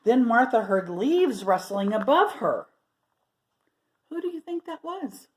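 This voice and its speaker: Reading aloud to children, a woman storyteller performs expressively in a slightly high, sing-song voice, stopping now and then to ask her listeners questions and make asides.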